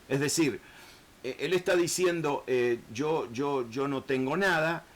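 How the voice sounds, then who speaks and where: A man teaching a Bible lesson in an earnest, halting way, often restarting words and acting out the people in the text. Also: fairly high pitch. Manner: earnest, repetitive, many hesitations and restarts; acts out biblical speakers in shifting voices.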